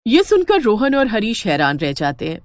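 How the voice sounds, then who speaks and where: A woman narrating a storybook cartoon in an expressive, lively way. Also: medium pitch, moderate pace, no echo.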